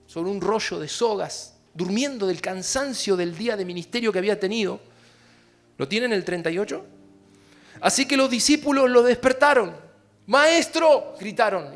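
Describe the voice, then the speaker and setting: Speaking in a high voice, a man delivers a sermon with an Argentine Spanish accent. He addresses the congregation directly, moving from quiet moments to loud, fervent stretches.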